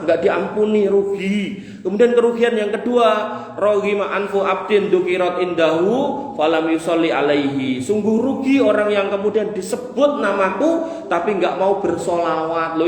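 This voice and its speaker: A man with a Javanese accent delivers a Ramadan sermon, his fairly high voice swinging between storytelling and recited Arabic. The mosque hall rings around him, every phrase trailing a long reverb. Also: darkish tone. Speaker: preacher.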